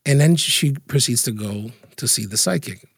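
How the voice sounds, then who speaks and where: Man, interview guest, husky, casual storytelling, animated, dry close sound. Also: mid-range voice, moderate pace, no echo. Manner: animated, laughs while telling anecdotes. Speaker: interview guest, feng shui consultant.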